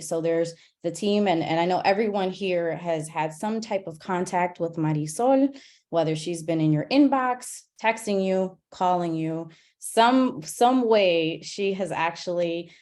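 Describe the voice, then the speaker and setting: A woman hosts an online gathering with a somewhat low voice. She talks in a loose, chatty way, full of "um"s and "you know"s and restarted phrases. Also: a little mellow. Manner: chatty, many fillers and restarts. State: out of breath. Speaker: program host. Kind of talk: casual presentation on a video call.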